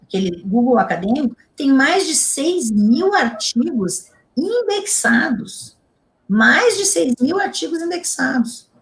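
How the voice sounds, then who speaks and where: A woman's voice: high voice, slow pace. A middle-aged woman from Brazil, an integrative therapist telling stories emphatically in a casual interview. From Rio Grande do Sul, Brazil. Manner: animated, emphatic storytelling with repetitions.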